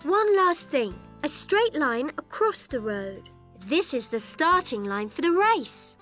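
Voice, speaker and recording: A woman's voice: sits high, big pitch swings, slow pace, a bit bright, faint music behind, exaggerated voice. A woman playing a cheerful childlike children's show presenter, encouraging and singsong like a kids' party magician. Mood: friendly, eager. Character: Squiglet, cheerful childlike drawing-show character.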